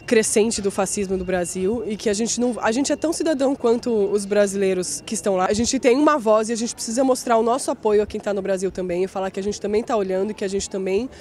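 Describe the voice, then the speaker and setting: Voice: mid-range voice, fast, hardly any pauses, darkish tone. A protester speaking earnestly in long run-on sentences in an outdoor street interview.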